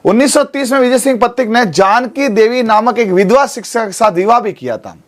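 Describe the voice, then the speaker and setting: A man's voice: very high voice, lively intonation, brisk. A man, teaching an exam coaching class in a studio. He keeps checking in with his students as he goes.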